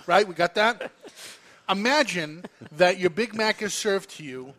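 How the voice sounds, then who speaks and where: A man's voice: high-pitched, unhurried, bright, forceful tone. A man hosting a casual radio chat show, arguing his point emphatically and teasing his co-host.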